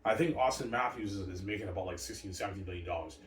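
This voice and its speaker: A solo vlogger rambles to himself in a low, rapid-fire voice, repeating words and filling gaps with "like" and "man." The mic is distant, leaving his voice off-mic in an echoey room with faint background noise.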